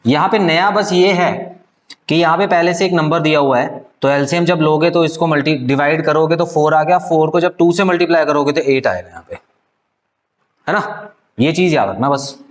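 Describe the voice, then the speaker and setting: A man's voice: a little high, moderate pace. Male tutor, slightly raised voice, patient stepwise live-class explaining. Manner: explains step by step, often checks with "clear?". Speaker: teacher. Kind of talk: live online math class.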